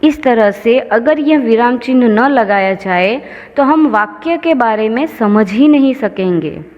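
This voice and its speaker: Slow, patient woman teaching grammar. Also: a little high, lively intonation. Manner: slow, patient, explains each example step by step. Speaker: school teacher. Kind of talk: grammar lesson explanation. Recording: lo-fi with long reverb.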